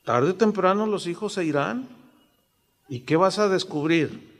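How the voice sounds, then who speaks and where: A pastor in his sixties with a Mexican accent preaches conversationally and keeps asking his listeners rhetorical questions. His voice is high for a man, and the long reverb of a church hall follows every phrase. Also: animated, unhurried. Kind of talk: sermon.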